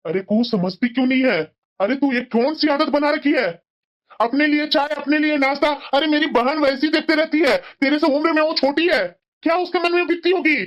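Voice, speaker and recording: A woman's voice: sits high, a little fast, lo-fi sound, close to an everyday voice. A woman voicing a stern young husband in a cartoon who lectures and scolds his wife. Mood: lecturing. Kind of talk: Hindi cartoon voice acting.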